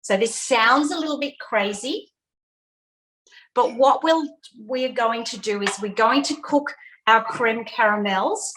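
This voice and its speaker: A woman's voice: on the high side, fairly bright tone, rough recording. A woman hosting an online cooking lesson for kids, chatty, repeating key steps with fillers, on a video call. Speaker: cooking class host.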